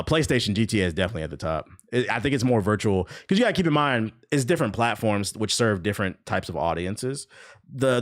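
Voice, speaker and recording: A young man riffing casually on gaming news during a live stream, mocking and profane, with bursts of laughter between comments. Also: fairly low pitch. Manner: animated, profane, mocking banter.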